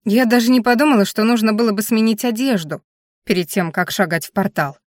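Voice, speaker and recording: Brief: female audiobook narrator, lively first-person reading, dry studio sound. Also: a little high, brisk, no room sound.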